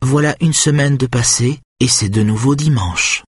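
A man voicing a solemn, eerie woman who leads a group, speaking slowly like a sermon in a storybook reading. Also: mid-range voice, slightly rough, no room sound, clean studio sound, pitched above the performer's own voice, close to an everyday voice. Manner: slow, solemn preaching.

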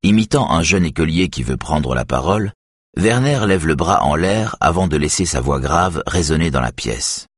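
A man reading an audiobook in scripted narration, even and measured. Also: a bass voice, slightly rough, no echo, clean studio sound.

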